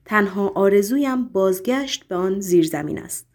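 A woman's voice: mid-range voice, lively intonation, darkish tone. A woman voicing a weary, broken male writer in an audiobook, speaking in a resigned way.

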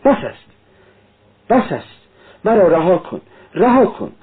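A man voicing an anguished, devout young woman who cries out and pleads in a high voice. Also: sing-song, husky, exaggerated voice. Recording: narrow lo-fi radio-like sound.

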